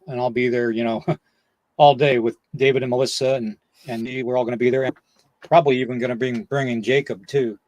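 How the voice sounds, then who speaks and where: An older man chats casually as a podcast host at an average male pitch. His delivery is folksy and rambling, with a slight shortness of breath. The sound is dry, with very little room. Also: no room sound. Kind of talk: casual chat.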